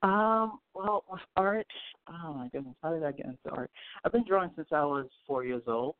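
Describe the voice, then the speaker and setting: A man's voice: on the high side, animated, moderate pace, no room sound. A man from Haiti, a guest artist, answering interview questions hesitantly with many ums and repeated words. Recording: tinny phone line.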